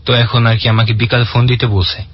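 A man's voice: medium pitch, flat delivery, fast talker, dull audio, a little hiss or hum. A young man from in Bangladesh, casually telling a long personal story with many fillers and restarts. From Barishal, Bangladesh. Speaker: guest telling his story.

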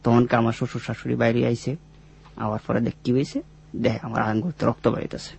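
A man's voice: mid-range voice, flat delivery, fairly quick, gravelly, darkish tone, husky. A man in his twenties with a rural Mymensingh Bangladeshi accent, a radio guest telling his own story in plain, repetitive, informal dialect. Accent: rural Mymensingh-region Bangladeshi. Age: 20s.

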